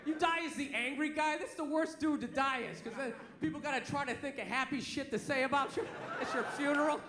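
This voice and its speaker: A middle-aged man doing a stand-up comedy rant in a loud, sharp, exasperated and profane way. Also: very high voice, brisk. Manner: profane, blunt. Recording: echoey live stage, noisy crowd.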